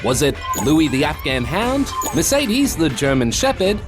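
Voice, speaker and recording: An Australian man narrates kids' news in a high, hugely varied voice. He explains things playfully over a light music bed. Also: big pitch swings, a little slow. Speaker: news presenter for children. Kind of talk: scripted educational news narration.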